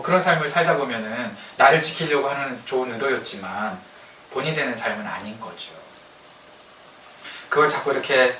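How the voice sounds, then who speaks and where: A man's voice: mid-range voice, pushed and bright. A male pastor preaching a conversational sermon, often checking with the congregation and dropping joking asides. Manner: conversational, keeps asking the congregation "right?". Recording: echoey room, distant mic, faint noise.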